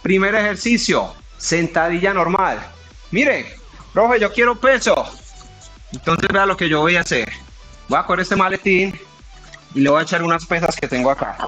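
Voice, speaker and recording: A Colombian man with a high voice leads a workout class, urging people on and counting down each set. Soft music plays faintly behind him. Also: brisk. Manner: energetic, pushing and counting down reps. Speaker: fitness trainer. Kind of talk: coaching a home workout.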